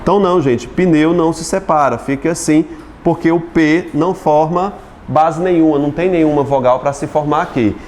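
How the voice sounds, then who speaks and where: A Brazilian man teaching Portuguese syllable division in a video lesson. He poses questions to the class, answers them himself, and draws out syllables slowly as he spells words. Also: on the high side, darkish tone, a little hiss or hum.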